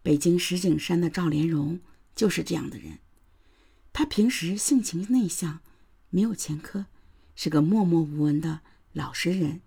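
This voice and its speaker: A woman's voice: on the low side, moderate pace, gravelly, warm tone, slightly rough. A woman hosting a podcast, giving grave, dramatic scripted true-crime narration that sometimes drops to a whisper. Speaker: podcast host.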